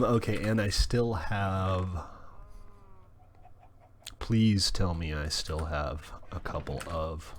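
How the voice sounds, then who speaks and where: A man streaming a video game chats casually and reads chat aloud, rambling wryly with plenty of fillers. His voice is fairly low, with a little hiss or hum in the audio.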